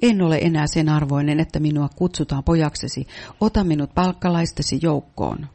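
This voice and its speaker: A man with a mellow, fairly high voice interprets a sermon. He reads each passage at an even, steady pace. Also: gravelly.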